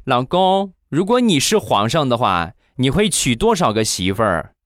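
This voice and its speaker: A man voicing his sharp-tongued young wife in a comic sketch, mocking and scolding in a raised, shrill voice. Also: big pitch swings, moderate pace, dry recording, clean studio sound, close to an everyday voice. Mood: coaxing.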